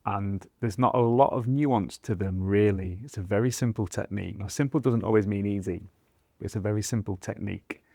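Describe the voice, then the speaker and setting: A male meditation teacher in conversation. He lays out his points one at a time in a measured way. His voice sits a little low, and the recording is dry with no room sound. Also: gravelly, dark tone, no room sound. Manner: measured, deliberate explaining. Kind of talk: conversational discussion.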